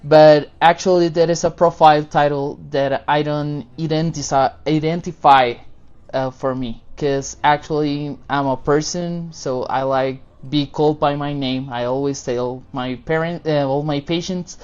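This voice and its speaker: A man's voice: fairly high pitch, steady tone, a little slow, darkish tone, clear, resonant tone, muffled recording. A man, a guest chatting casually and informally about his work. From Costa Rica. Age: 20s. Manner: friendly, informal, loose non-native phrasing. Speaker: podcast guest, dentist. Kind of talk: casual interview answers.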